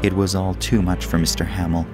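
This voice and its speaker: A man reading a story aloud as narrator, in a measured, plain storytelling manner. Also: low voice, flat delivery. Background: music.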